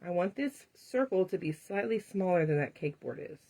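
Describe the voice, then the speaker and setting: A woman's voice: fairly low pitch, animated, moderate pace, creaky, mellow. A woman hosting a live craft demonstration, chatting to viewers and laughing often as she works. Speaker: craft tutorial host.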